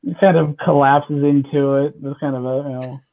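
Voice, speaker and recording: Gm guy describing stuff with lots of uhs, kinda high, muffled recording. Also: steady tone, a little hiss or hum. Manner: halting descriptions with fillers. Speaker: game master. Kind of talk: tabletop role-play.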